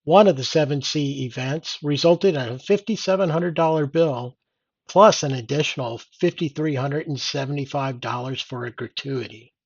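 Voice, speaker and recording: A man's voice: fairly high pitch, normal speed, husky, dry recording, highs cut off. An older man reading out and commenting on news in an indignant, sardonic old-man rant. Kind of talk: opinionated read-aloud news commentary.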